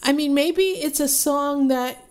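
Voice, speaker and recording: A woman co-hosting a casual chat, rambling with restarts and getting animated when she rants. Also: high-pitched, a little slow. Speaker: podcast co-host.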